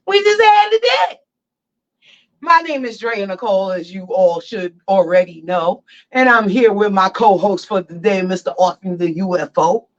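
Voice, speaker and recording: A woman's voice: mid-range voice, moderate pace. Woman podcasting into her phone. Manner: lively, hyped, chatty. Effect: talking into a phone, heard through its mic. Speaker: podcast host. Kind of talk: casual chat. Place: barber chair. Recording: lo-fi phone-mic sound.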